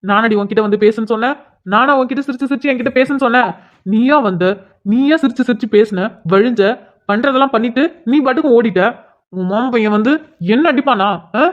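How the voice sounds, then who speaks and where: Woman playing an angry older cartoon boy throwing threats, kinda high for a boy, dull sound. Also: brisk, lightly acted. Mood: threatening. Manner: shouting accusations, harsh threats. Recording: dull lo-fi audio.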